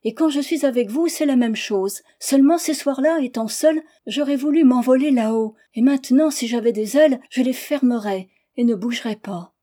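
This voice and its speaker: A woman's voice: high-pitched, normal speed, hardly any pauses, warm tone, voice pushed up. A woman voicing a naive sixteen-year-old peasant girl in a storybook reading, eager and earnest. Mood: dreamy. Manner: eager, wide-eyed and earnest.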